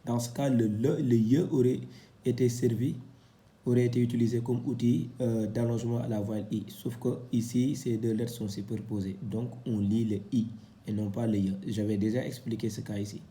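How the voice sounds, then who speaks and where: A man teaching a Quran reading lesson, sounding out syllables one at a time and explaining with frequent pauses. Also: medium pitch, steady tone, mellow.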